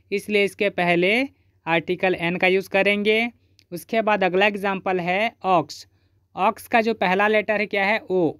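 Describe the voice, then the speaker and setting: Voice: mid-range voice, fairly bright tone, clean tone, no echo, clean studio sound. A teacher from Chhattisgarh explaining grammar step by step, asking questions and then answering them.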